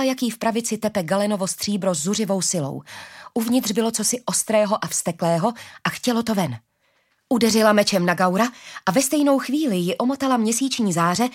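A woman giving steady audiobook narration of a fantasy story. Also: mid-range voice.

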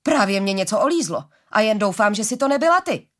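A woman's voice: fairly high pitch, lively intonation, pitched above the performer's own voice, close to an everyday voice. A woman voicing a cheeky, easily startled blind young man with a dramatic, whiny manner in a storybook reading. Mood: alarmed.

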